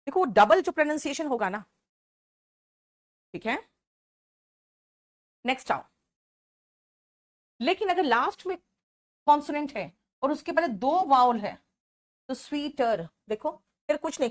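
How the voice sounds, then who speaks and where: A woman teacher with a Hindi accent leads an online English class in a slightly high voice. She breaks each grammar rule into small steps and calls on her students by name as she goes.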